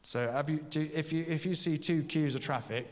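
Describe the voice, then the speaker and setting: A man's voice: on the high side, brisk. A man preaching a sermon in a conversational, jokey way. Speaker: pastor. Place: church. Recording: long church reverb.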